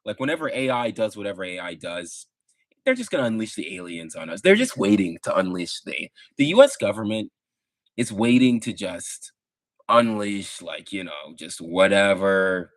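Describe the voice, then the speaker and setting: Talking casually to his chat on a live stream, a young man with a Midwestern American accent rambles easily and uses lots of fillers. He speaks at a moderate pace in a fairly low, sing-song voice, with no room sound.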